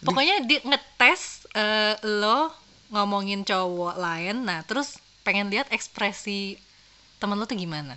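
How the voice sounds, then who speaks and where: Bright-voiced chatty woman. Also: mid-range voice, animated, unhurried. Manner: chatty, slangy, laughs often. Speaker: podcast co-host. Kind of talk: casual chat.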